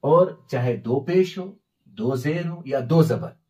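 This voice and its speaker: A man teaching Quran reading step by step, spelling out letters and reciting words slowly, asking and answering his own questions. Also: on the high side, lively intonation, dark tone.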